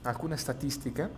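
A man giving casual gameplay commentary, thinking aloud, recorded in a small, bare, echoey room. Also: mid-range voice. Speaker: gaming YouTuber. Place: small room emptied of furniture, indoors. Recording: echoey small empty room, clear background noise.

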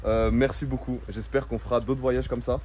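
A man's voice: medium pitch, flat delivery, moderate pace, a little mellow. A man in his twenties chatting casually to camera outdoors as a vlogger, informally addressing viewers as mates. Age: 20s. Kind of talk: casual vlog chat to camera. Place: outdoors at a ski resort. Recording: faint outdoor background noise.

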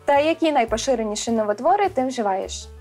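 High-voiced Western Ukrainian woman vlogger. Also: expressive, quick pace, a little mellow, faint music behind. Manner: chatty, self-ironic, explanatory. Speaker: linguist vlogger. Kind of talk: casual vlog Q&A.

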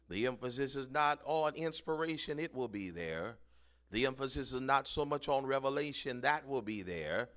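A man preaching a sermon as pastor, leading the congregation in call-and-response and building to shouted peaks. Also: medium pitch.

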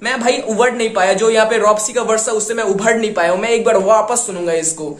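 A man hosting a music reaction video, talking with excitement and mixing Hindi with English slang. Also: high-pitched, fast, reverberant. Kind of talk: casual reaction commentary.

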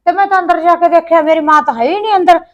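A woman playing a high-voiced, chatty married daughter. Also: steady tone, rapid-fire, highs cut off. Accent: Punjabi. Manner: chatty and complaining. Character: married young daughter complaining about her mother-in-law. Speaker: actor. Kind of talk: village short-film acting.

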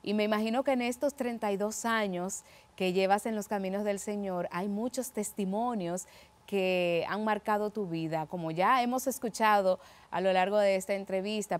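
A woman hosting a faith television program, speaking in a measured, gentle way and addressing viewers directly. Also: mid-range voice. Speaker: TV show host.

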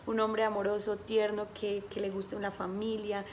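A woman's voice: medium pitch, completely flat delivery, moderate pace, slight background noise. A middle-aged Colombian woman giving an earnest spiritual talk, acting out little voices and prayers as she preaches. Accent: Colombian Spanish. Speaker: inner healing speaker.

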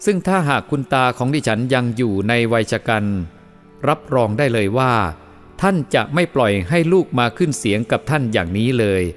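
Man reading a tale over soft music. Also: mid-range voice, expressive, fairly quick. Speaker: storyteller. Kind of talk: reading a first-person karma tale aloud.

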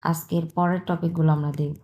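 A woman's voice: lowish voice, level tone, mellow. A woman from China, teaching a pronunciation lesson and patiently repeating sounds one by one. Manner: patient, repeats sounds slowly, asks "হ্যাঁ?" often. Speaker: Chinese language teacher.

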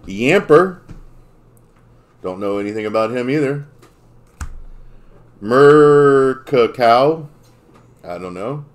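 A man's voice: lowish voice, very animated, moderate pace, pauses often. Bemused man fumbling through names. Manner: playfully confused, stumbling over names. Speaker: card pack opener on live stream. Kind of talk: casual chat.

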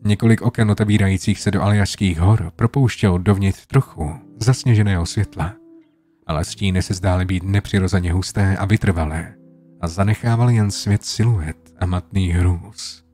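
A man narrating a horror story in a low, hushed storytelling manner, over soft guitar music. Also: steady tone. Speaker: creepypasta narrator.

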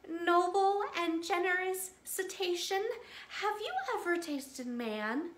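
Lady putting on a sly little clever fish, high and bright, flattering and coaxing, echoey room. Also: slow pace, full character voice. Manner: polite, coaxing, storybook speech. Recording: roomy echo.

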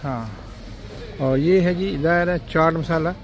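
Unhurried and fairly high-pitched, a man vlogs casually while strolling supermarket aisles and calling out prices. He chats politely with "ji" and "janab" against a noisy shop background.

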